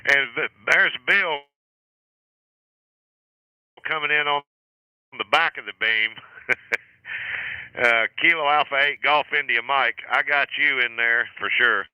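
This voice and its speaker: A man's voice: medium pitch, takes it slowly, pauses often, clean tone, dry recording, lo-fi sound. A man hosting a ham radio net, chatting casually and calling out call signs with an easy chuckle. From southern United States. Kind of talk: casual on-air radio chat. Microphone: station microphone.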